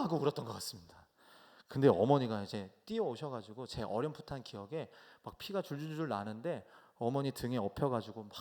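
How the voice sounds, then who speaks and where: A man in his thirties preaching a sermon in a church, telling stories with sudden loud bursts and soft asides. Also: mid-range voice. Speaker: pastor. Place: church sanctuary.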